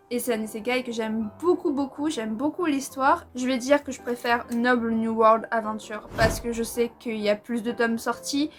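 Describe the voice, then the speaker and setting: A young woman from France chatting casually and enthusiastically in a manga vlog, using a lot of slang. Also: fairly high pitch. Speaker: manga vlogger.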